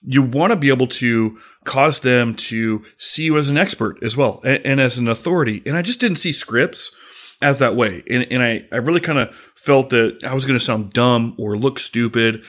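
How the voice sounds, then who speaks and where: A man's voice: medium pitch, moderate pace, fairly bright tone. Man chatting through a solo podcast. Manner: conversational, frequent fillers and restarts. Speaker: podcast host on sales. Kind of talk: casual solo podcast monologue.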